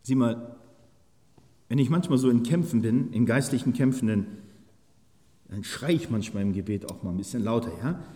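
A man preaching a sermon with fervor, speaking directly to his listeners and swinging between hushed and loud passages. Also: mid-range voice, normal speed, long pauses. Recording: long hall reverb.

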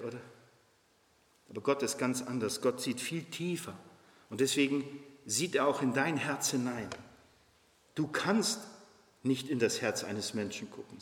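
A man in his fifties preaching a sermon as a pastor, earnest, his voice climbing when he reads scripture aloud. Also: medium pitch. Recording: echoey hall with long reverb.

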